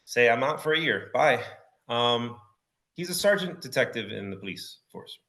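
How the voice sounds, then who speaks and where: Middle-aged male guest, mid-pitched, animated storyteller, casual, says bro and dude. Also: moderate pace. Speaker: podcast guest, entrepreneur. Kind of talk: casual interview chat.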